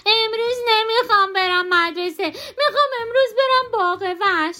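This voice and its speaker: A woman voicing a loud, stubborn little boy throwing a tantrum, whining and half crying. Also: very high voice, soft background music, voice pushed up. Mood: whiny, tantrum. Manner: whiny, shouting, crying.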